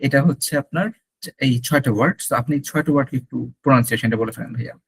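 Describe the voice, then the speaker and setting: A man teaching a French class in Bengali mixed with English, repeating each French word slowly. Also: mid-range voice, creaky, husky, low-quality recording. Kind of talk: classroom lesson.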